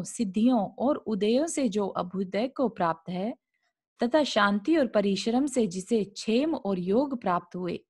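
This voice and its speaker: A woman's voice: on the high side, a little mellow. A woman teaching a scripture class over a video call. She reads an old religious text aloud, then explains it in simple words and asks the class rhetorical questions.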